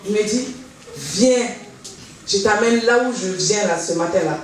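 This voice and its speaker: In a medium-pitched voice and a fairly quick delivery, a woman tells her church testimony with lively energy, re-enacting the dialogue from memory. The recording carries heavy echo from the hall, faint noise, and a distant sound to her voice.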